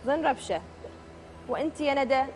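A woman hosts a TV quiz in a studio, her voice pitched high. She fires off questions and answer choices at a quick clip, upbeat and crisp, with music playing behind her. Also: lively intonation, darkish tone. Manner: brisk, upbeat, reads questions and options crisply. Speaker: quiz show host. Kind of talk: TV game show hosting. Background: show music.

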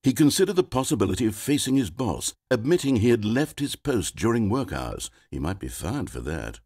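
Narrating a video game from a dry booth, this wry, theatrical storyteller has a husky, lowish voice that jumps all over the pitch range. He's very animated and fairly quick, flipping between whispered asides and abrupt outbursts.

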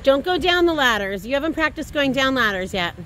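A cheerful woman from Philadelphia filming a family vlog at an outdoor playground, excitedly coaxing her kids along. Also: high voice, brisk. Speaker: mother filming a family outing. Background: music playing.

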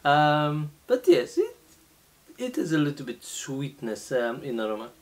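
Slow, halting man reviewing beer. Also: on the high side, big pitch swings, a little mellow. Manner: slow, halting, many fillers and restarts. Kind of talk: casual beer tasting review. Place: small indoor room, seated at a table.

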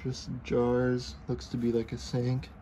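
Man, urban explorer, low-key curious commentary, slow pace, mellow tone. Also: monotone, a little hiss or hum, low-quality recording. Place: abandoned farmhouse and yard, indoors and out. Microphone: handheld phone camera.

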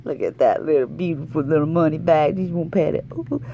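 A woman's voice: low-pitched, fairly quick, dark tone, a little hiss or hum. A woman with a Southern US accent chatting casually and exuberantly as a video host, folksy and often repeating phrases for emphasis. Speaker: lottery scratch-off video host. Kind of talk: casual excited vlog chat. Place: indoors at a tabletop, hands-only shot.

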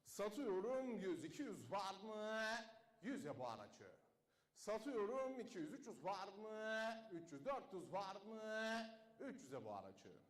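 High-voiced man calling a fast car auction. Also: very animated, echoey room. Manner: rattles off bids in a fast chant, drops low to call the price.

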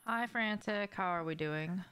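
Gaming on stream from a small room in her home, a young adult woman keeps up casual, sweary, offhand chatter with viewers and frequently asks them things. She has a mid-range, smooth, fairly bright voice and a measured pace.

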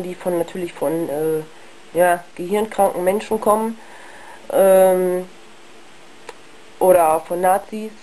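A young woman talking frankly and haltingly in a casual video monologue, ill with flu, her worn, husky voice giving out. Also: medium pitch, mellow, slight background noise, rough recording. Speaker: video blogger. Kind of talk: casual personal monologue to camera.

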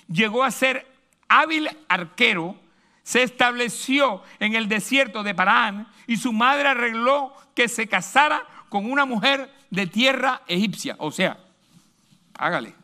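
A male pastor preaching a sermon, emphatic, moving between loud lines and hushed asides. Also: very high voice.

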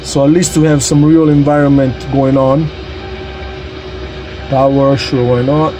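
A man walks viewers through his home flight simulator startup in a chatty, casual tutorial, speaking to them directly as he clicks through screens. His mid-range voice is flat and a little slow, captured by a phone held or mounted nearby in the sim room.

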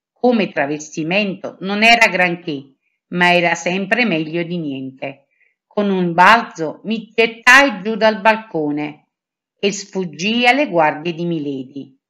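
A woman reading a children's adventure story aloud in first person, with lively intonation. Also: fairly low pitch. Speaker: storybook reader.

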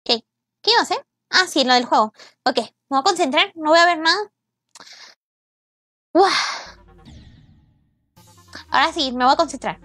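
A woman's voice: sits high, animated, moderate pace, long pauses, bright, forceful tone, no room sound, soft background music. A young woman, chatting playfully on a live gaming stream, teasing and mock-exasperated as she thanks viewers by name. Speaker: VTuber streamer.

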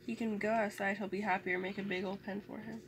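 A teenage girl playing a game with her sister, playful and quick to laugh. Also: mid-range voice, flat delivery. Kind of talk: casual gameplay chat. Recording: loud background noise, clicks.

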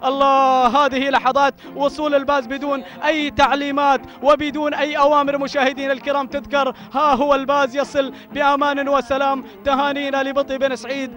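A man calls a race live in a very high, rapid voice. He exclaims again and again and pours praise on the winners. His pitch stays on a narrow band, like an excited chant. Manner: exclaiming, repeating cries of praise. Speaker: race commentator.

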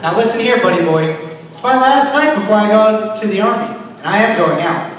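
A teenage actor playing a swaggering rock-and-roll idol in a school musical, singing and talking brashly. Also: male voice, high-pitched, lively intonation, a little fast, noisy background. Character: cocky rock-and-roll idol about to join the army. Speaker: stage actor. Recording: echoey auditorium from far off, with live band.

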